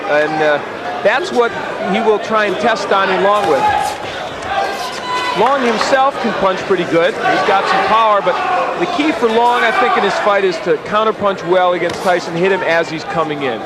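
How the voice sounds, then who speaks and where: A man's voice: high-pitched, normal speed, over a noisy crowd, heavy background noise. A man working as a boxing analyst, with a sports broadcast commentary delivery.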